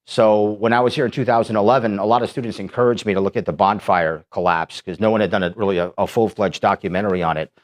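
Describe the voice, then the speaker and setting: A Manhattan, New York documentary filmmaker guests on a casual interview in a radio-style studio, chatting, telling stories and laughing easily. His voice is on the low side with a steady tone. He talks fast and barely pauses.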